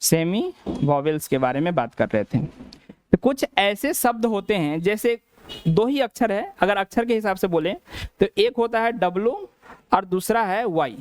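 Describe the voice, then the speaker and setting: A man's voice: high-pitched, lively intonation, moderate pace, darkish tone, a little hiss or hum. Hindi-speaking male teacher, question-and-answer drills. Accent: Bihari Hindi. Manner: repeats each point as a question, then answers it. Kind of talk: classroom lesson.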